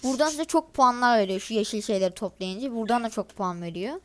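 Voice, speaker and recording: A woman's voice: a little high, fast, fairly bright tone, slight background noise. A teenage girl, casually commenting over her gameplay in a chatty, grumbling way and talking straight to her viewers. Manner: chatty, grumbling and exasperated, addresses viewers directly. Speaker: gaming video creator.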